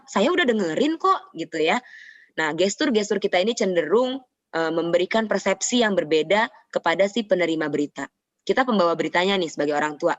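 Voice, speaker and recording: A woman's voice: lowish voice, no echo. A woman psychologist giving a casual, explanatory parenting talk in a webinar, now and then acting out what a parent would say. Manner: explaining with acted examples of parent phrases. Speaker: psychologist speaker. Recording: dry, dull lo-fi webinar audio.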